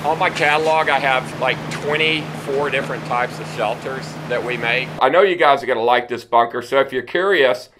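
A man's voice: mid-range voice, normal speed, hardly any pauses. A middle-aged man giving a casual, plain-spoken product walkthrough like a salesman, recorded inside an underground bunker. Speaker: bunker company owner giving a tour. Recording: echoey enclosed space, faint background noise.

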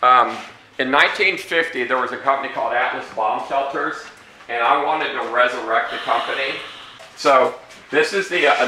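A man's voice: medium pitch, pushed and bright. A middle-aged man giving a casual, plain-spoken product walkthrough like a salesman, recorded inside an underground bunker. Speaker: bunker company owner giving a tour. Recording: echoey enclosed space, faint background noise.

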